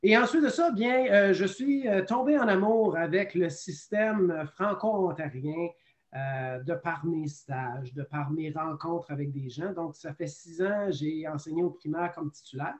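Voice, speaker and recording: A man in his thirties with a Quebec French accent, a teacher telling his path in a webinar, lively and self-mocking. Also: a little high, a little slow. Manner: lively, self-deprecating, many fillers. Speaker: teacher guest. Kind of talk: webinar testimony. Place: home office. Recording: dull lo-fi sound.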